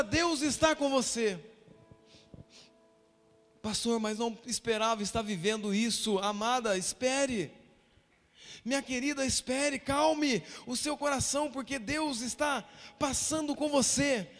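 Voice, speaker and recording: High-voiced Brazilian preacher in an echoing church. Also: male voice. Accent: Brazilian Portuguese. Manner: fervent, repetitive preaching that swells to shouts. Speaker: pastor. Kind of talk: sermon. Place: church hall. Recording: long echo of a church hall.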